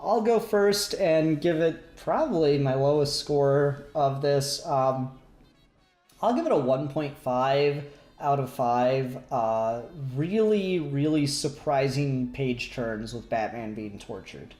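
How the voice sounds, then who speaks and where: This podcast host speaks slowly and animatedly in a mid-range, slightly mellow voice, chatting about comics with jokes and the occasional curse word. The recording sounds echoey, as if captured in a large room.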